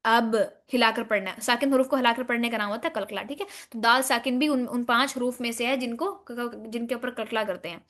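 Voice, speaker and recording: High bright-voiced woman teaching recitation. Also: steady tone. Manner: explains slowly, then demonstrates words in drawn-out recitation. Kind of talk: tajweed lesson.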